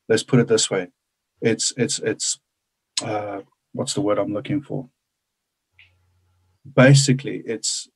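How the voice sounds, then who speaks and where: Man teaching the bible on a webcam call, low husky voice, earnest, stops and restarts. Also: darkish tone, low-quality recording. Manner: earnest, halting with fillers and restarts. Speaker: bible study leader. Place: indoors with a forest virtual background. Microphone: webcam on a video call.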